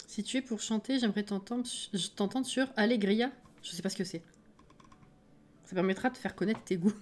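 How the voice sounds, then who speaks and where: A woman with a French accent, streaming live and chatting casually with her viewers, self-mocking and quick to laugh. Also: medium pitch, a little mellow.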